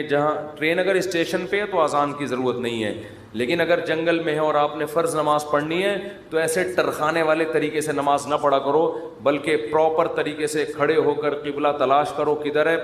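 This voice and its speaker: A man giving a conversational religious talk as an Islamic scholar, mixing humor with teaching and mimicking drawn-out calls to prayer. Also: on the high side, a bit bright, a little hiss or hum. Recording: echoey hall, faint ambience.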